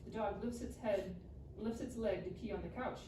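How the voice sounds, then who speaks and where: Reading stage directions aloud for a live table read, a woman delivers clipped phrases in a mid-range voice at a moderate pace. Her audio sounds distant and echoey, with background noise.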